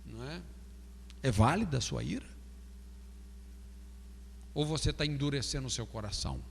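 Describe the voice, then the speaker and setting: A man's voice: mid-range voice, animated, moderate pace, gravelly, big-room sound, slight background noise. A Brazilian man teaching a pastoral counseling class, asking "não é?" often and acting out example phrases. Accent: Brazilian Portuguese. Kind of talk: classroom lecture.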